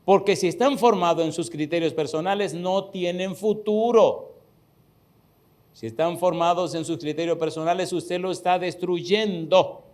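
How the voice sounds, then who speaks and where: Male pastor, middle-aged, slightly high voice; storytelling sermon, punchy repetition, direct questions to the congregation. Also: a little slow, a little mellow. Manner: emphatic, repeats key words for stress; addresses listeners directly with questions.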